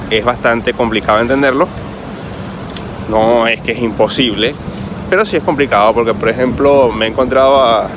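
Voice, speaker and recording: Chatty Caribbean man vlogging outdoors. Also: medium pitch. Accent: Caribbean Spanish. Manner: chatty, explanatory, addresses viewers directly. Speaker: travel vlogger. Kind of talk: casual travel vlog explanation. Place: outdoors on a city street. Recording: clear street noise behind voice. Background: traffic and street ambience.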